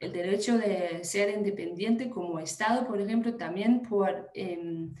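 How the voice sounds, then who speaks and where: In a roomy-sounding space, a guest activist from Denmark gives a conversational interview answer in careful Spanish. She has a mid-range, dark-toned voice and a measured pace, hesitating often with fillers and restarts.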